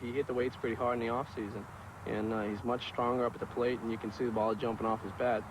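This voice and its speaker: A man's voice: mid-range voice, flat delivery, quick pace, noisy background. A man, a professional baseball hitter, answering interview questions casually with frequent fillers. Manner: casual, "you know" fillers.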